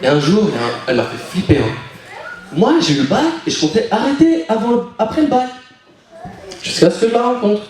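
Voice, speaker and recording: A young man from France performing stand-up comedy, chatty and animated, now and then putting on character voices. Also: high voice, fairly quick. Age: young adult. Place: live comedy venue, audience. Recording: echoey hall, far mic, crowd laughing.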